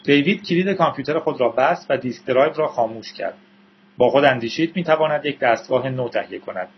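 A man reading a novel aloud as an audiobook narrator, in steady storytelling with the odd aside to listeners. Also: medium pitch, highs cut off, slight background noise.

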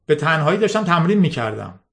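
Male reader doing a fierce teen girl, high and strained, audiobook. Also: big pitch swings, gravelly, a bit bright, heavily acted. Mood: defiant. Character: teenage girl gamer, fierce and upset. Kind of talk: audiobook reading.

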